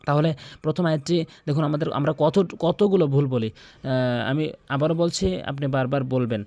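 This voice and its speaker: A man's voice: on the high side, normal speed, darkish tone, no echo, dull audio. A man teaching Quran recitation, explaining pronunciation rules step by step and repeating sounds for the listener to practice. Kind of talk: tutorial lesson with recitation examples.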